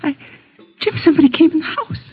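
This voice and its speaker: An actress playing an uneasy rural wife in an old radio drama, speaking with urgent insistence. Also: female voice, sits high, fast talker, lightly acted. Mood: frightened. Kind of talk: mid-century radio drama acting. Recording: muffled tinny old radio recording.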